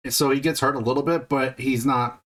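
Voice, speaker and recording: Game master, male, mid-pitched and patient: talks the rules through out loud and corrects himself along the way. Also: fairly even intonation, brisk. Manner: explains rules patiently, thinking aloud with restarts. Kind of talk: running a tabletop game session.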